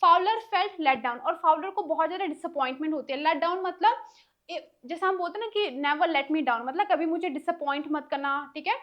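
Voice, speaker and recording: High-pitched female tutor explaining a textbook story in a Hindi-English mix, reading slowly and glossing casually. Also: highs cut off. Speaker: English teacher.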